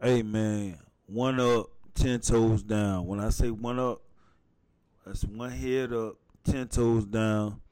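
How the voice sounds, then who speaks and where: A man's voice: lowish voice, fairly even intonation, takes it slowly, darkish tone, smooth, no room sound. Blunt laid-back man, dry sound. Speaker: guest. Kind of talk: casual profane chat.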